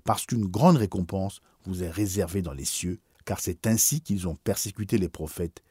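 Male narrator, low husky voice, animated pitch, dry close sound. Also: moderate pace, no echo. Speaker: audiobook reader. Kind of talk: scripted narration of a memoir.

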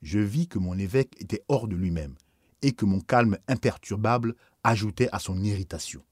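A man narrating a first-person story aloud in a calm, measured, earnest way. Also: fairly low pitch, no echo, studio quality. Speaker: audiobook narrator.

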